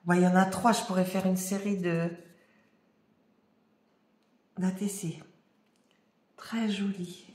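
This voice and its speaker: A woman chatting casually as she unboxes craft mail, her voice slightly hoarse and often dropping to a murmur. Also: fairly low pitch, level tone, measured pace, pauses often. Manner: soft-spoken, often murmuring to herself. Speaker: crafting vlogger. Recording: echoey room, faint noise.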